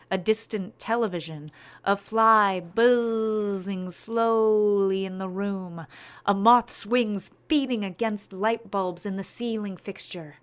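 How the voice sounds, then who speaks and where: A woman narrating, reading screenplay stage directions. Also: mid-range voice.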